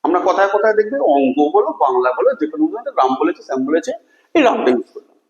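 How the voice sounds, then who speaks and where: Male teacher, very high voice, lively delivery, echoey classroom with long reverb. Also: quick pace, highs cut off. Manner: questions and answers with students, spells words letter by letter. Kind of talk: classroom lesson.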